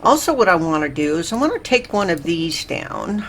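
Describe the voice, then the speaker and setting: A woman hosting a slow, chill game let's play, thinking aloud with lots of fillers and a little out of breath. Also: on the low side, big pitch swings, slight background noise. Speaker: Minecraft let's play host. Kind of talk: slow, chill gameplay commentary.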